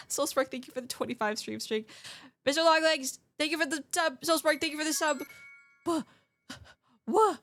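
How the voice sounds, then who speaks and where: Hosting an art stream, this woman talks quickly in a high, slightly bright voice. Her chatter with viewers is loose and slangy like a gamer's, scattered, and full of self-interruptions.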